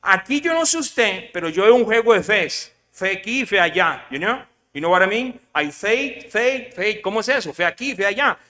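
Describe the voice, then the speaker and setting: Pastor, male, high bright voice, lively questioning sermon delivery, long hall reverb. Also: normal speed, hardly any pauses. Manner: lively preaching, rhetorical questions to the congregation, mixes in English words.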